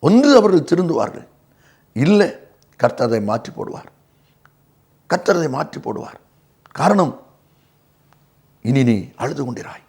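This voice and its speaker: Man, preacher, Tamil accent, televised sermon, repeats lines for emphasis, lively rising and falling pitch, voice pitched a little high. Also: a little slow, vocal fry, pauses often, slightly rough.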